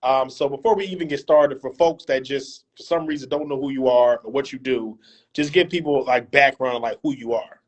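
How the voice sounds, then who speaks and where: A man's voice: medium pitch, normal speed. Casual man hosting a video call. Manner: casual, filler-heavy, repeats himself, joking. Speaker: host. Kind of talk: casual interview chat.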